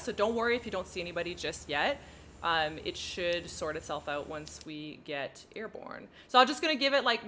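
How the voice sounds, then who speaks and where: A French Canadian woman hosts a flight sim livestream, chatting casually, giggling often, and narrating her cockpit steps as she flies. Her medium-pitched voice is bright and forceful, with a slight hiss or hum in the audio.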